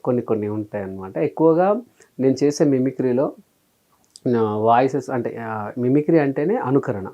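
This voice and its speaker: A man's voice: medium pitch, normal speed, pauses often, lo-fi sound. A man, a comedian telling his story in a casual interview and acting out his own past remarks. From Telangana, India. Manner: animated, acts out his own past remarks in quoted asides. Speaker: comedian and mimicry artist, interview guest.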